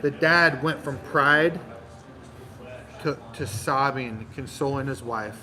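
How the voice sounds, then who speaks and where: A man hosting a channel, telling a long joke in casual storytelling style, animated and full of dramatic pauses. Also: medium pitch, poor audio. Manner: animated, dramatic pauses, acts out crowd voices. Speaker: channel host.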